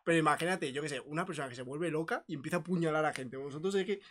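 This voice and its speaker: Spanish guy cohosting a funny podcast, high voice, laughs a lot while reading the news out loud. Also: racing. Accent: Spanish from Spain. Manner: laughs often, reads news aloud with playful voices. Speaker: podcast co-host. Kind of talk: casual comedic chat.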